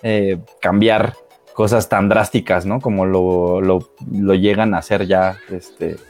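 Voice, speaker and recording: A man's voice: low-pitched, flat delivery, takes it slowly, a little mellow, soft background music. A man co-hosting, chatting casually and rambling with many fillers. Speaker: co-host. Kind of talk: casual chat.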